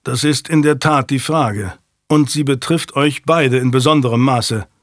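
A man voicing a stern middle-aged nobleman who talks to his sons in a measured, grave way. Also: medium pitch, no room sound, clean studio sound, close to an everyday voice.

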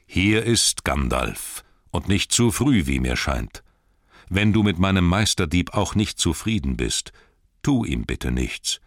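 A man voicing a calm, authoritative old male wizard in an audiobook, speaking slowly and firmly. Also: low voice, dry recording, studio quality, heavily acted. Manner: slow, measured and firm. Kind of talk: audiobook character voice.

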